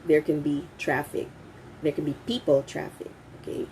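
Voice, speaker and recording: A woman with a Filipino accent teaches English in a live online session, her voice sitting fairly low. She talks in a lively way, slips into Tagalog and laughs often. A faint hiss runs under the recording. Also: normal speed. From Philippines.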